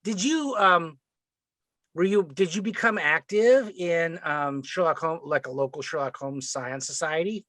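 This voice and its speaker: A man's voice: a little high, measured pace, fairly bright tone, no room sound, clean studio sound. A man hosting a video podcast interview, asking questions and adding brief encouraging remarks. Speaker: podcast host. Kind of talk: interviewing a guest. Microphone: video call.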